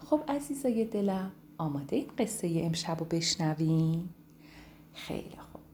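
A woman telling a bedtime story to children in an affectionate, gentle way. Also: fairly low pitch, lively intonation, slight background noise. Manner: affectionate, addresses children warmly.

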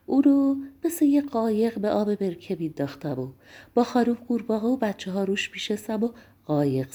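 Lady doing a croaky stubborn frog guy in a bedtime story, husky voice. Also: mid-range voice, mellow. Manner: croaks between words. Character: male frog who croaks, stubborn and dreamy.

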